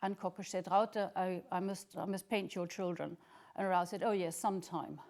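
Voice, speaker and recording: A woman's voice: lowish voice, fairly even intonation, brisk. An older woman telling childhood memories in an interview, enthusiastic and full of "um"s. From Scotland. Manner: warm, enthusiastic storytelling with frequent "um"s. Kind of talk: reminiscing interview.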